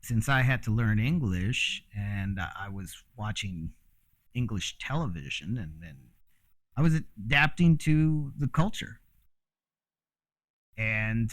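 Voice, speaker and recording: Slow-talking man, lively pitch. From Mexico. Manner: rambling, frank, with frequent fillers and swearing. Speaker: host. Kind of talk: casual solo monologue.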